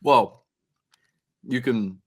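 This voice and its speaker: A man's voice: medium pitch, extremely slow, dry recording, clean studio sound. Man talking while eating sour candy. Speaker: show producer. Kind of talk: casual live chat.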